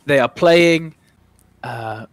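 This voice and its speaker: A man working as game master, improvising tabletop game narration in a halting, thinking-aloud way. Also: mid-range voice.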